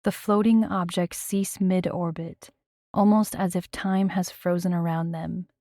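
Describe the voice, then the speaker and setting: An audiobook narrator with a fairly low, warm voice reads a first-person story in a tense, dramatic way, unhurried and with fairly even intonation. The recording is dry and close-miked, with no room sound or echo.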